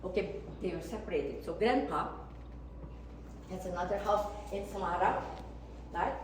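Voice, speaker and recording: Older woman teaching, echoey room. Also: fairly low pitch. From Indonesia. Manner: didactic, emphatic, with deliberate word-by-word listing and repetition. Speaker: etiquette teacher. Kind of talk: informal class lecture to family. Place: echoey indoor room, mic at a distance. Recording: echoey room, distant mic, faint noise.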